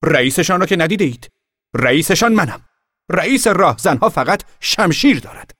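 Man putting on a boastful shouting boy. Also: on the high side, sing-song, slightly rough, no room sound, clean studio sound, voice pushed up, heavily acted. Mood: defiant. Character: boastful defiant boy up a tree.

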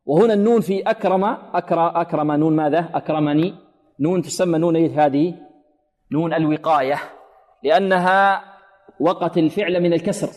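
Sheikh teaching Quran recitation, reverberant. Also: male voice, on the high side, darkish tone. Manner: didactic, poses rhetorical questions to listeners; demonstrates pronunciation by chanting words slowly. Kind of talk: radio tajweed lesson.

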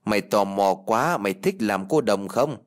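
A man's voice: on the low side, expressive, moderate pace, close to an everyday voice. A man voicing a blunt, scolding old male village shaman in a spoken ghost story. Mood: gruff.

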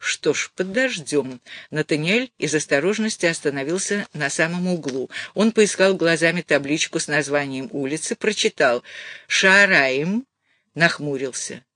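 A man narrating a detective novel aloud in a steady storytelling manner. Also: fairly high pitch, normal speed, hardly any pauses, no echo. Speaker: audiobook narrator. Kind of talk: scripted narration.

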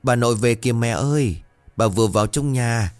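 A man's voice: mid-range voice, a little fast, darkish tone, clean tone, dry recording, soft background music, voice pushed up, lightly acted. A man voicing an insistent little boy of about five in a ghost story. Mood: eager. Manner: eager, insistent.

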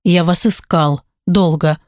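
A woman reading an audiobook, voicing a grown man who speaks to his daughter in a quiet, slightly choked voice. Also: sits low, takes it slowly, no echo, studio quality, pitched below the performer's own voice. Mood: tender. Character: grown man, quiet, tender and emotional father.

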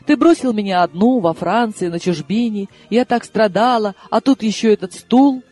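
A man putting on an excitable young woman in her mid-twenties, pitched far above his own voice and pushed louder. She sounds shrill, wounded and combative, with a soft, breathy edge to the tone. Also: moderate pace. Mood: indignant. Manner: shrill, tearful, protesting.

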